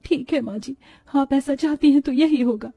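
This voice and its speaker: A woman voicing a kind, patient elder daughter-in-law in a storybook, gentle yet firm. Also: high voice, moderate pace, no echo, faint music behind, pitched above the performer's own voice.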